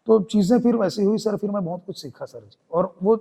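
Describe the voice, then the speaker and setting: A man's voice: high-pitched, brisk, creaky, dark tone, husky. A young man from Chhattisgarh with a Chhattisgarhi Hindi accent, a theatre artist telling his story in a podcast interview and acting out the voices of the people in it.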